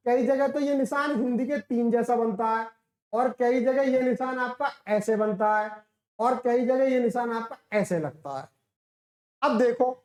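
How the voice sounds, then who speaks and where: A woman's voice: sits high, reverberant. A woman teacher giving a lecture, explaining step by step, asking questions and answering them herself, and drawing out sounds to demonstrate them. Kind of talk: classroom lecture.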